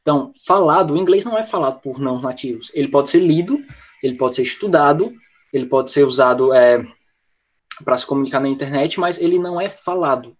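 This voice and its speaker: A man's voice: on the high side, expressive, a little fast. A man with a Brazilian Portuguese accent teaching English in an online class, explaining points and answering students from the chat. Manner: explanatory, talks with students by name and reads the chat. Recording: lo-fi dull audio.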